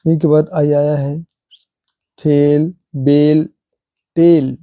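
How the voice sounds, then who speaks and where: A man teaching English pronunciation, repeating example words slowly and asking rhetorical questions. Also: on the high side, flat delivery, mellow, dry recording. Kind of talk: slow classroom explanation.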